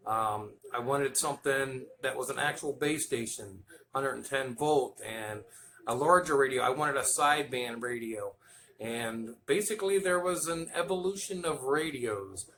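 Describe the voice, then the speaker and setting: A man hosts a hobby video, spinning stories in a folksy, informal, casual vlog style. His mid-range voice is a bit bright, with lively intonation and an unhurried pace. Background noise is clearly audible in the recording.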